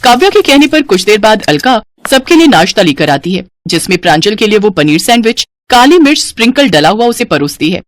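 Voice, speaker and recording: A woman narrating an animated storybook in an expressive, dramatic manner. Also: mid-range voice, brisk, hardly any pauses, no room sound.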